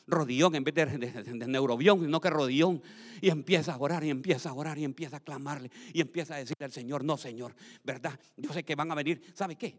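A male pastor preaching a sermon, swinging from quiet asides to shouted outbursts and acted-out voices. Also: mid-range voice, big-room sound.

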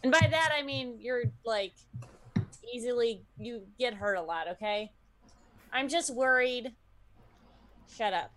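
A woman's voice: on the high side, measured pace, pauses often, fairly bright tone. A brash, sweary woman chatting and joking casually as a player in a tabletop game.

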